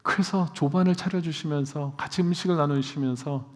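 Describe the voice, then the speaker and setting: A man's voice: a little high, brisk, a little mellow. A male pastor preaching a sermon, addressing the congregation with frequent rhetorical questions. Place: church sanctuary. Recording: long reverb of a church hall.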